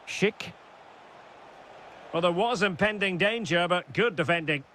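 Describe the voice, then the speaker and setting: Male play-by-play caller, high and bright tone, punchy name calls. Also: a little slow, a little hiss or hum. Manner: calls player names, rises sharply on goals and chances. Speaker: play-by-play football commentator. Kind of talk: video game match commentary.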